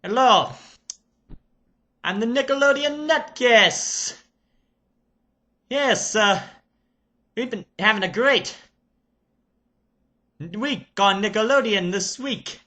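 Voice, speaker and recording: A man playing an excitable TV reviewer character with a Serbian accent, exclamatory and halting as he reviews. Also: sits high, pitched above the performer's own voice, heavily acted. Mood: excited. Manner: loud, exclamatory, halting with ums. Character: excitable male Nickelodeon reviewer character, the Nutcase.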